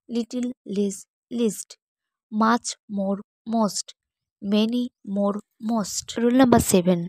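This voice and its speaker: Slow, gravelly-voiced woman teacher. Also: mid-range voice, darkish tone, no room sound, rough recording. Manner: slow deliberate recitation of word lists. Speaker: English teacher. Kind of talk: slow recited grammar lesson, English and Bengali.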